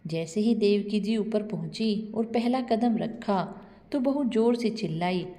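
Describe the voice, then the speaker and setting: Woman storyteller, steady expressive narration, mellow tone, long reverb. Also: mid-range voice, a little slow.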